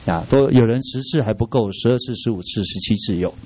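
Teaching a church training session, a middle-aged man speaks animatedly, tossing rhetorical questions at his audience and slipping in English words. He has a lowish voice, talks fairly quickly, and there's a slight hiss or hum.

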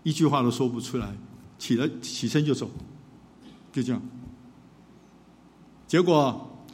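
A man, a pastor and counselor, telling a story in a sermon with lively acted-out dialogue. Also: medium pitch, a little slow. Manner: animated storyteller who acts out dialogue. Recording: long hall reverb.

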